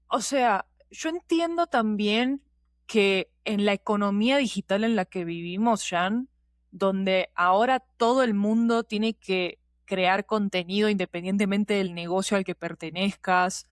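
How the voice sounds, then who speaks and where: Clear and resonant, this medium-pitched woman's voice comes through a dry, studio-quality recording. Speaking with a Rioplatense Spanish accent, the audio fiction producer gives her opinions as a podcast guest. The conversation is casual and slangy, with lots of conversational tags.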